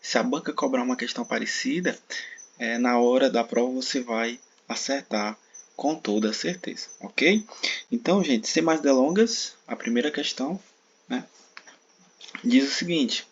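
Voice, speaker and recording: A man's voice: medium pitch, moderate pace, slightly rough. A man with a Brazilian Portuguese accent teaching an exam-prep lesson, patiently explaining and often checking in with his listeners. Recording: dull sound with faint crickets.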